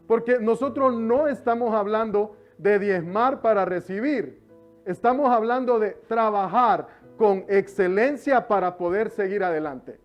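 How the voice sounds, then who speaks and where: High-voiced man preaching a lively sermon. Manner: lively and joking with the congregation, drawing out words for emphasis. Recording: slightly dull sound with music behind.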